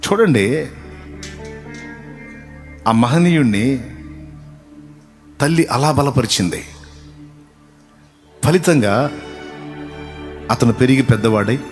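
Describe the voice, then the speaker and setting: A man preaching a sermon as pastor, telling stories and building to loud repeated appeals. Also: medium pitch, slow pace, long pauses, soft background music. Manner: storytelling that acts out quoted voices.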